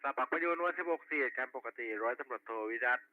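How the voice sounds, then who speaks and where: A man's voice: mid-range voice, rapid-fire. A man working as a police radio dispatcher, reading back reports in clipped, formulaic roll-call style over a walkie-talkie. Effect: two-way radio. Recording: tinny narrowband walkie-talkie with faint noise.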